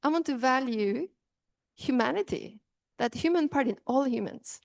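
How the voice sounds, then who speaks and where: A woman's voice: high-pitched, lively intonation, normal speed, vocal fry, no echo. A middle-aged woman from Norway with a Norwegian accent, giving an earnest talk and often restarting her sentences. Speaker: speaker on inclusion. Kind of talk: talk to an audience.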